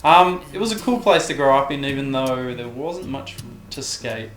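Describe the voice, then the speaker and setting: A professional vert skater from Tasmania, speaking with an Australian accent, talks casually and reflectively in an interview. His mid-range voice is fairly bright with lively intonation at normal speed, recorded with a roomy echo and guitar music behind him.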